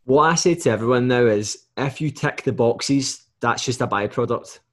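A Scottish man hosting a casual podcast chat about coaching, talking in an animated, storytelling way and often checking "do you know what I mean". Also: mid-range voice, normal speed. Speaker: podcast host and fitness coach.

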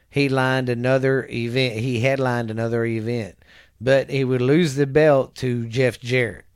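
Smooth-voiced man recapping from notes. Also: medium pitch, no echo, clean studio sound. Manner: halting, stumbles over names and corrects himself; chuckles at his own slips. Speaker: podcast host. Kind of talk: casual wrestling history recap read from notes.

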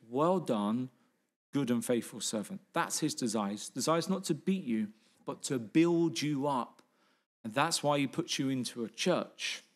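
A middle-aged man preaching a sermon as pastor, earnest, asking rhetorical questions and repeating key phrases. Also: medium pitch.

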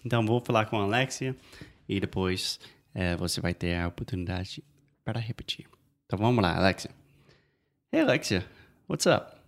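A native English-speaking man teaches everyday phrases in a relaxed, patient way, and his voice sits fairly low. He models each line and praises with repeated "perfect". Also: brisk. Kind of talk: bilingual lesson chat.

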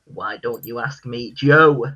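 A man hosting a casual quiz, reading out lines in a flat, deadpan voice. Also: mid-range voice, slow pace, breathy edge, dull audio. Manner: reads lyrics in a deadpan voice. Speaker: quiz host.

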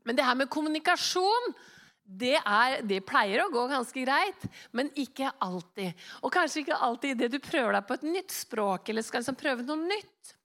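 Animated Norwegian-speaking woman preacher. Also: high-pitched. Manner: chatty, animated storyteller with many fillers. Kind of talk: devotional talk with a personal story.

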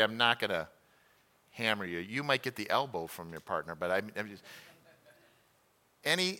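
A man's voice: medium pitch, bright, forceful tone. A middle-aged male pastor teaching a conversational sermon class, telling home stories and asking the room questions. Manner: conversational, self-deprecating, asks the room questions.

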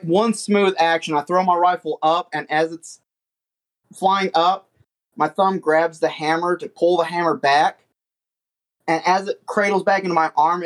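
A player in a tabletop game describing his character's action in detail. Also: mid-range voice.

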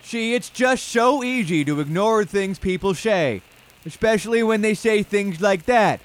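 A man with a high-sitting, expressive voice and a slightly slow delivery plays a blunt, cantankerous old retirement-village resident in a comic radio drama. As an older co-host of a call-in advice show, he hands out dismissive, sarcastic advice in a sardonic, blunt mood.

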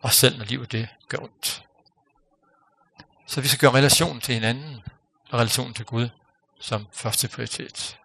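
A man preaching a sermon, earnest and unhurried, dropping to a near-whisper for emphasis. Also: mid-range voice, steady tone, gravelly, pushed and bright, breathy edge. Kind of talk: sermon with closing prayer.

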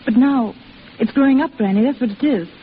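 Brisk and slightly high, lightly acted, an actress voices a breathless, lovestruck young woman in a 1940s radio drama. Her eagerness comes across as earnest and yearning, and the old radio recording is tinny and noisy.

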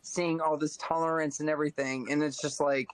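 A man's voice: on the high side, level tone, fairly quick, no room sound, poor audio. A man in his thirties in casual group chat, telling his story easygoingly with stammered restarts.

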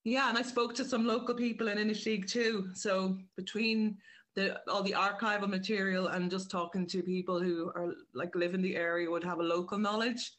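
Her mid-range voice fairly even and slightly bright, an Irish writer-director talks at a normal pace as an interview guest. The chat is casual, and she explains her work in a wandering, self-correcting manner.

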